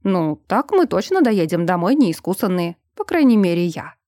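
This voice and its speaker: A woman voicing a calm, teasing man who used to be a policeman, read in an audiobook. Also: lowish voice, normal speed, no echo, clean studio sound. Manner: teasing, unruffled. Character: grown man, former cop, teasing and calm.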